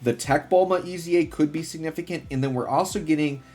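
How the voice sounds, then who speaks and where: A man giving casual, slangy gameplay commentary in an excited, rambling way. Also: a little high, fast. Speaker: gaming video host. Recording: music behind the voice. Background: music.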